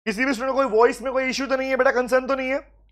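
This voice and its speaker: A man's voice: very high voice, little pitch movement, rapid-fire, fairly bright tone. A male law teacher runs a live online class over a computer mic. He greets his students one by one, then reads each practice question aloud and explains it in Hindi mixed with English.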